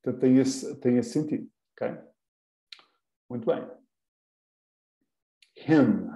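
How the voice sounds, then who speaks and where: A man with a European Portuguese accent leads a relaxed online language lesson, taking his time and repeating each example phrase with care. His voice is mellow and unhurried, and it rings a little in an echoey room. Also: mid-range voice. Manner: patient, repeats example phrases slowly and clearly. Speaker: English teacher.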